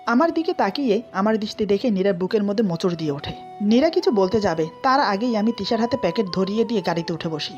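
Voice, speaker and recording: A woman narrating a story in a plain, steady storytelling manner. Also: mid-range voice, fast, hardly any pauses, lo-fi sound, faint music behind.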